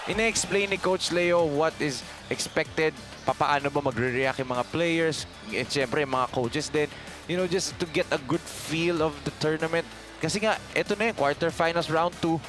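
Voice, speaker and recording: A Filipino man with a fairly high voice commentates live sport over clear background music. He explains things conversationally and repeats himself for emphasis. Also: normal speed. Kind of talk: live basketball commentary in Taglish.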